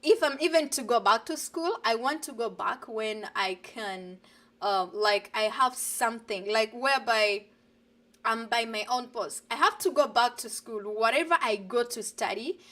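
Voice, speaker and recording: A woman from Uganda speaks in a somewhat high voice. She is an earnest, lively guest in a live online chat, heard through a video call. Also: unhurried. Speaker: guest, digital business coach.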